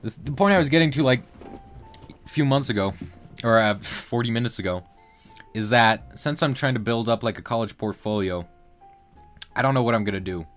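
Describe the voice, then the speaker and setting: A man's voice: medium pitch, fairly quick, pauses often, faint music behind. A man in his late teens hosting a casual livestream, rambling along with lots of fillers and restarts. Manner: rambling, loose talk full of fillers and restarts. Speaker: livestream host.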